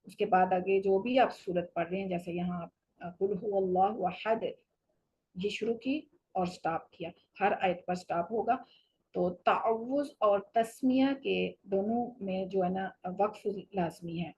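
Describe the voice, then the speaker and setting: A woman teaching a Quran recitation lesson, explaining patiently and slowing down for each recited example. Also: medium pitch, a little mellow, slight background noise, rough recording. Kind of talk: tajweed lesson.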